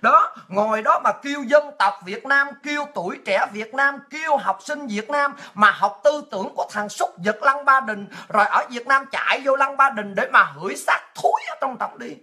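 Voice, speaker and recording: Loud, mocking woman. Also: high-pitched, moderate pace, few pauses. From Vietnam. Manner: shouting, mocking, with crude insults and laughs. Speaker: political commentator. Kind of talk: ranting livestream monologue.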